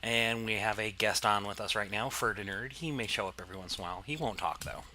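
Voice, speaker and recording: A man's voice: lowish voice, quick pace, bright, forceful tone, a little hiss or hum. A man casually commenting on his gameplay, rambling and explaining as he goes, with plenty of fillers. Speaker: let's play host.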